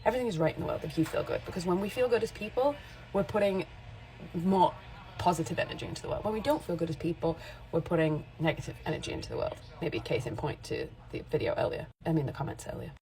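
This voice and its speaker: A makeup artist and content creator in her forties talks candidly to camera in a casual vlog, rambling a little. Her lowish voice is a bit mellow with vocal fry, lively intonation and a fast delivery, though the audio is poor.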